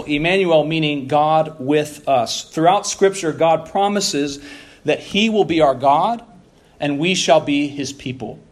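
A man preaching an expository sermon, reading scripture aloud and teaching deliberately with rhetorical questions. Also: a little high.

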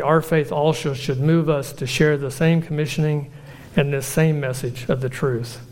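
A man preaching a sermon in an earnest, measured way, slowing down for emphatic lists. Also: mid-range voice, darkish tone.

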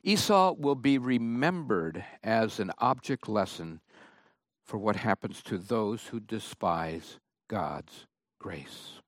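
A man preaching a sermon, reading and explaining scripture in a slow, emphatic way. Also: lowish voice, lively intonation, no room sound, studio quality. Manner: slow, emphatic Bible exposition.

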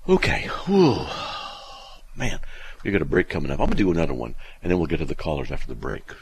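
A man with a low, gravelly, slightly husky voice hosts a radio call-in show. He reads listener letters aloud and answers them with sarcasm and exasperated asides, his pitch leaping up and down as he mocks what he reads. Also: wildly swooping pitch, fast talker. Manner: sarcastic, exasperated, laughs while reading. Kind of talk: reading listener mail aloud with sarcastic commentary.

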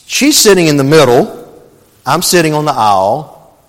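A man's voice: fairly high pitch, big pitch swings, moderate pace. Earnest preaching man in a reverberant hall. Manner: earnest storytelling, addresses listeners as beloved. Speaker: pastor. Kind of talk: sermon.

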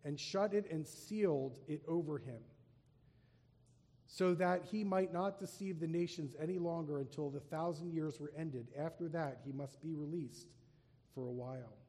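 A man preaches from the pulpit, reading scripture aloud and leaning into key lines with slow, swelling emphasis. His voice is mellow and sits a little high for a man. It carries through a large sanctuary with a long reverb tail. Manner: reads scripture aloud with rising emphasis, slowing for weight. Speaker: pastor.

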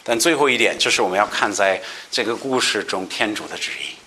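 Bright-voiced man teaching scripture. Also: brisk, slight background noise. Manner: swings between raised emphatic passages and low soft asides; explains scripture verse by verse and poses questions to listeners. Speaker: Bible study teacher. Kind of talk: Bible study sermon.

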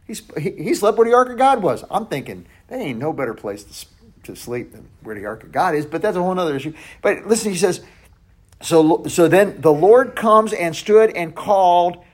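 A man teaches a Bible study in an easygoing, conversational way. He stumbles and corrects himself as he goes and sometimes drops to a near hush. His voice sits a little high for a man. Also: big pitch swings, normal speed.

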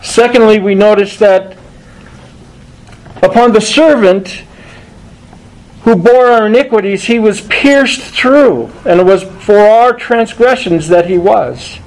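A man preaching a sermon to a congregation, deliberate and emphatic, often restarting phrases and stressing single words. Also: high-pitched, rough recording. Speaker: pastor.

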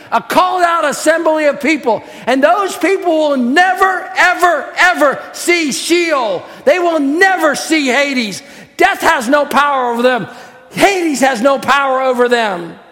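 In a church sanctuary, a pastor with a strikingly high-pitched voice delivers a fervent sermon to his congregation. He teaches calmly and quickly, then slows to shout his key lines, and the hall gives his voice a long reverb.

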